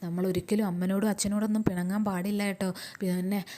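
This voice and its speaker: A woman reading as a gentle grieving teacher. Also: mid-range voice, little pitch movement, a little fast, natural voice. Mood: tender, tearful.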